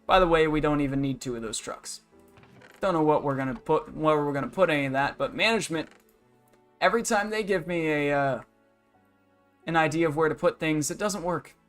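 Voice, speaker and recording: A game livestreamer in his twenties rambles through a casual stream chat, venting about work in a blunt, matter-of-fact way. His voice sits on the high side and runs a little fast. Soft music plays in the background.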